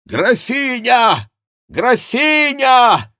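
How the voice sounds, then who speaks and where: A man's voice: extremely high pitch, big pitch swings, extremely slow, no echo, studio quality, voice pushed up, full character voice. A man voicing a furious, jealous older nobleman who bellows from a distance. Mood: furious shouting. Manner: desperate bellowing shout.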